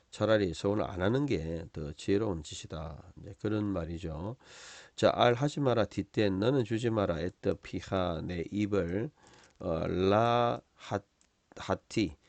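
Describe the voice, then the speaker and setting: A man teaching a Bible lesson on Hebrew words, explaining each one slowly with many fillers and tag questions. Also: low voice, darkish tone, no echo.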